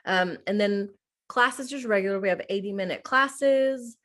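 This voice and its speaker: Speaking at a measured pace, this young woman from the United States has a medium-pitched, slightly bright voice. She's a middle school teacher fielding interview questions, chatty and casual, sprinkling in plenty of "like" and "um".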